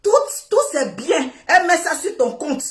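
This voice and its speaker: A woman ranting at a man in heated commentary, scolding him over and over and breaking into shouts. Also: sits high, big pitch swings, moderate pace, reverberant. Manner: scolding, repetitive, bursts of shouting. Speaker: online commentator.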